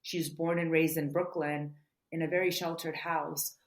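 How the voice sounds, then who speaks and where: Low-voiced woman, earnest and quick. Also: level tone. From United States. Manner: earnest, quick, many "you know" fillers. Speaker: author being interviewed. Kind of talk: podcast interview answers. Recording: roomy echo.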